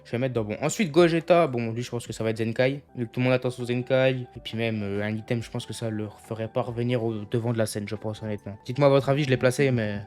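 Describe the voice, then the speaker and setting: A man's voice: medium pitch, fairly even intonation, quick pace, hardly any pauses, a little mellow, soft background music. A young man streaming, chatting casually with his viewers and thinking aloud as he goes. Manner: thinks aloud, keeps addressing the chat as "les gars". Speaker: gaming streamer. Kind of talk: casual live chat with viewers.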